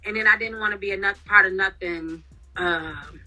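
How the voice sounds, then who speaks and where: Woman guest, chatty and frank, bright tone, retainers slurring slightly, casual interview. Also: medium pitch, moderate pace, soft background music, poor audio. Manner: chatty and candid, lots of "you know" fillers. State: wearing retainers that affect her speech. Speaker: guest, reality TV cast member.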